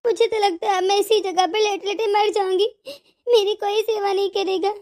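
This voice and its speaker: An injured, self-pitying old mother-in-law in a cartoon, played by a woman, tearful and full of remorse. Her voice sits very high and thin. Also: steady tone, normal speed, a little mellow. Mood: weeping. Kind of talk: cartoon voice acting.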